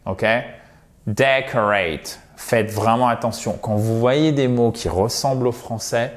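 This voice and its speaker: In a video lesson, a mid-pitched English teacher warmly greets viewers as "chers amis" and explains suffixes and stressed syllables, slowly and carefully repeating example words.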